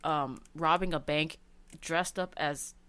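Low-voiced woman chatting about games. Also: fairly even intonation, slow pace, fairly bright tone, clean tone. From Cantonese family background. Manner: rambling, many fillers and restarts. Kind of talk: casual chat about video games.

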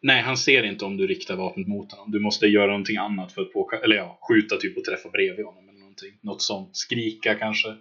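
A man running a tabletop game as game master, narrating scenes in a relaxed way with many filler words. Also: fairly low pitch, few pauses, husky. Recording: dull lo-fi mic.

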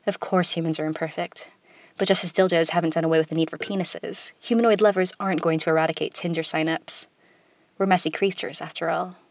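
A woman hosting a podcast, reading a scripted opinion piece in a smooth, composed, conversational way with wry touches. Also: on the low side, fairly even intonation, fairly quick, no echo. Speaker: podcast host. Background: music.

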